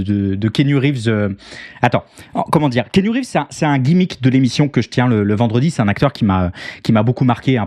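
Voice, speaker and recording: A man's voice: on the low side, a little mellow, no echo, clean studio sound. A man, chatting casually as an interview guest in a hesitant, wordy, self-deprecating way. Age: 30s. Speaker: interview guest, online show host.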